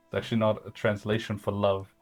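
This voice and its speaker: Playing his character in a tabletop role-playing game, a man speaks quickly in a low, monotone voice while faint music plays behind him. His in-character talk rambles and hesitates, packed with fillers.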